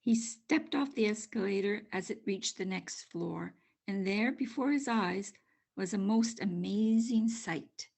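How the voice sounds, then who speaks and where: Older woman, storybook narration, expressive, measured, husky, creaky. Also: mid-range voice. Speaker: storybook reader.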